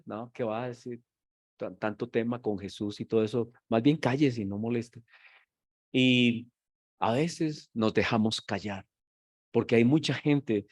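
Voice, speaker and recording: A man preaches from the pulpit at a medium pitch, dropping into quiet reflection and then climbing into loud, emphatic cries. The recording is dry and close, with little room sound. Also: no room sound. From Colombia. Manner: swings from soft reflection to loud shouted emphasis. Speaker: pastor. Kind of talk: sermon.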